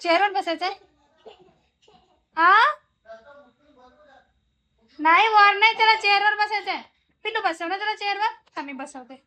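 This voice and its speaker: A woman with a very high, bright voice talks casually at home for a family vlog. She coaxes and teases her small child in a playful sing-song, with lots of repetition. It sounds like an ordinary home kitchen. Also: unhurried, pauses often. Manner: coaxing, playful sing-song talk to a toddler. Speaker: mother.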